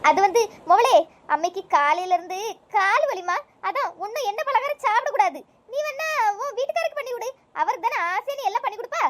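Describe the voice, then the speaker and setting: A performer voicing an elderly cartoon mother-in-law, a grumpy, nostalgic old woman who grumbles in a croaky, drawn-out way. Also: very high voice, animated, a bit bright, slight background noise, voice pushed down. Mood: evasive. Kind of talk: cartoon voice acting.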